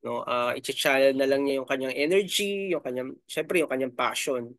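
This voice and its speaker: A middle-aged Filipino man hosts a YouTube channel, offering casual commentary in a mid-range, fairly bright voice at a moderate pace. He's chatty and leans on fillers, often tossing in "no?" and "di ba?". The recording is clean studio sound with no room ambience.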